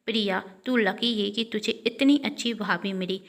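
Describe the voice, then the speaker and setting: An earnest young woman in a spoken family story, apologizing with sincere feeling and pleading warmth, as a woman narrator reads her lines. The voice stays near the reader's own, at ordinary pitch. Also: steady tone, normal speed, close to an everyday voice.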